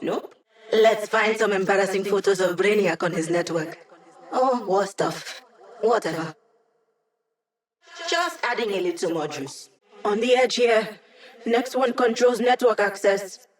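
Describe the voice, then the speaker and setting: A woman's voice: medium pitch, unhurried, pauses often, close to an everyday voice. A woman voicing a playful young female hacker in a video game, with a casual, wry, teasing manner. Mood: playful, offhand.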